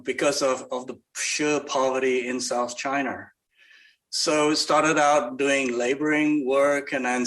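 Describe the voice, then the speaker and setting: An older man from Malaysia answering interview questions conversationally, haltingly, often repeating words as he goes. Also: mid-range voice, fairly bright tone, rough recording. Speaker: podcast guest, investor.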